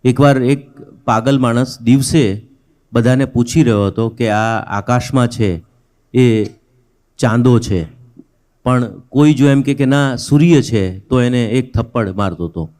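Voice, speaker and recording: A man with a warm, mellow voice hosts a poetry gathering at a medium pitch. He fills time between performers with a casual anecdote. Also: unhurried. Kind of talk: stage compering.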